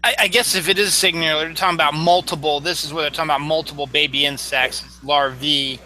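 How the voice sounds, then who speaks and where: Bright-voiced joking man. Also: on the high side, steady tone, quick pace, low-quality recording. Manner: joking, repeats words over and over. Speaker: co-host. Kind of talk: casual chat.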